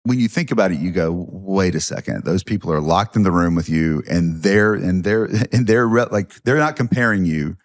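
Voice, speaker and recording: A middle-aged man with a Southern US accent, a history professor and comedian, chats as a guest on a casual podcast, telling self-deprecating stories with lots of restarts. His low-pitched voice moves at normal speed with hardly any pauses, in a dry recording.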